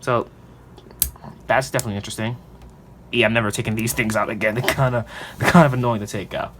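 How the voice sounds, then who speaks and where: A man's voice: medium pitch, steady tone, quick pace, a bit bright, slight background noise. Chatty young-sounding man unboxing toys. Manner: chatty and enthusiastic, loose with fillers. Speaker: toy unboxing YouTuber. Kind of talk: casual unboxing and review.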